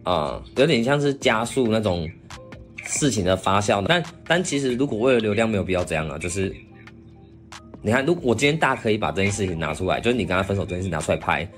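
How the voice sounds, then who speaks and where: A man's voice: fairly low pitch, lively intonation, fast, faint music behind. A man leading a casual discussion on a group voice call.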